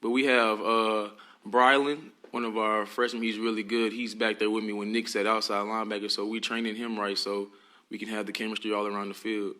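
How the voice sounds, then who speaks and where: A teenage high school football player answers interview questions in a polite, earnest way. His voice is fairly low but strikingly bright. He speaks in a calm, measured manner. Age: teens.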